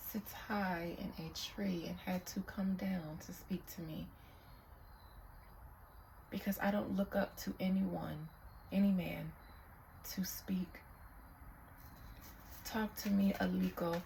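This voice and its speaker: A woman's voice: lowish voice, steady tone, slow, vocal fry, long pauses, a little mellow, slight background noise, poor audio. A woman who is a spiritual reader, leading a ritual reading in an incantatory, repetitive voice that drops into whispers.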